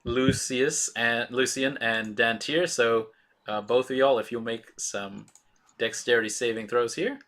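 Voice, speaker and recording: A game master runs a tabletop role-playing session, describing scenes haltingly with plenty of fillers. His medium-pitched voice is a bit bright, with fairly even intonation.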